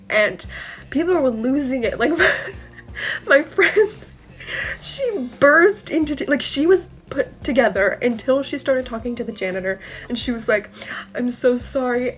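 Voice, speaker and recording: A young woman vlogger telling a casual storytime, chatty and full of fillers. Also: fairly high pitch. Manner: chatty, many fillers, laughs while telling.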